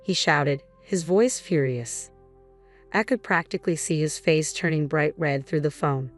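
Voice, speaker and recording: A middle-aged woman reading a first-person story in a calm, measured, cool tone. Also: sits low, faint music behind. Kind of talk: scripted first-person narration.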